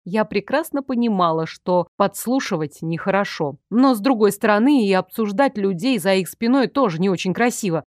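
A woman reading a first-person audiobook in a lively, ironic, expressive way. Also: medium pitch, normal speed, few pauses, dry recording, clean studio sound. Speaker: audiobook narrator.

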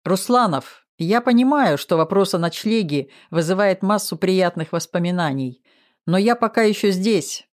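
A man's voice: sits high, expressive, moderate pace. A man reading an audiobook, voicing a short-tempered male fight coach who barks and scolds. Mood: angry. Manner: barking, scolding.

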